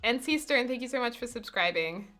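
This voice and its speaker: A woman's voice: fairly high pitch, animated, fairly quick, pushed and bright, soft background music. A woman chatting casually and playfully as she live-streams a building game. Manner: playful, chatty, slips in and out of put-on accents.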